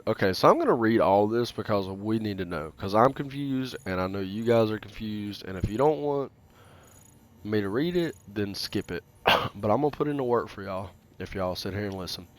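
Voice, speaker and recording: A man hosting a let's play, reading in-game text aloud in a casual, halting way and swearing freely between passages. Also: on the low side, expressive. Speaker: gaming channel host.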